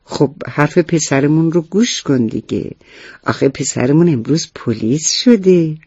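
Man voicing a gentle storybook mom. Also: on the high side, lively intonation, slightly rough, no room sound. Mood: tender. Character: gentle, loving mother. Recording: dull, muffled recording.

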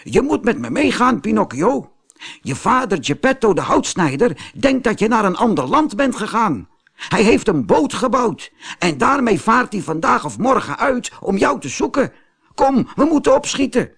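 Man doing a high eager dove in a kids story, lively, music in the back. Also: moderate pace, vocal fry, husky, full character voice. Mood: urgent. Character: helpful big dove, eager and caring. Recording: music playing behind.

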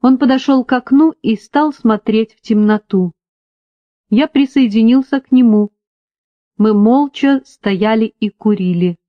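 A woman narrating a detective novel in an even, measured audiobook reading. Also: fairly high pitch, dry recording, muffled recording. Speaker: audiobook reader. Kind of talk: scripted narration.

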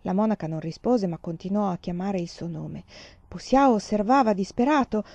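A woman reading a novel aloud with a measured, expressive storytelling delivery. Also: medium pitch, dry recording, lo-fi sound. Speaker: reader.

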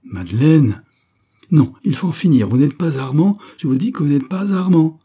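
A man's voice: medium pitch, little pitch movement, measured pace, dark tone, voice pushed up, lightly acted. A man voicing a grieving young mother who insists with anguish. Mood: insistent.

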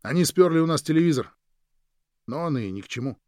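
A man voicing a worldly man who tells stories in a lively, animated way in a storybook reading. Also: a little high, brisk, no echo, studio quality, voice pushed up, close to an everyday voice. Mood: explaining.

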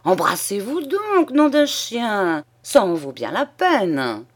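Boisterous middle-aged father, read by a woman, high and loud, all exclamations, for an audiobook. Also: sing-song, unhurried. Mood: overjoyed. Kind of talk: audiobook character voice.

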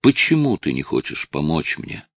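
A man voicing a desperate, tearful eighteen-year-old male addict who shouts and pleads with his father, in a dry, close recording. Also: rumbling low, very animated, normal speed, no room sound, voice pushed down, full character voice. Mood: agitated.

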